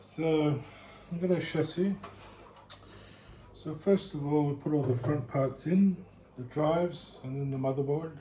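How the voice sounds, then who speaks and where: The vlogger's voice is fairly high yet dark in tone, unhurried and broken by frequent pauses. He mutters to himself, bored, as he builds a computer at home, recorded by a camera mic in an echoey room with faint hiss.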